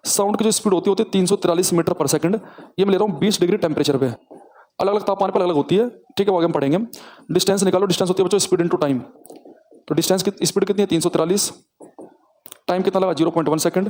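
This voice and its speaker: A male teacher, speaking in a fairly high voice at a brisk clip. He repeats key phrases for students to copy down and talks to the class directly. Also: a little mellow. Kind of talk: physics lesson with dictation.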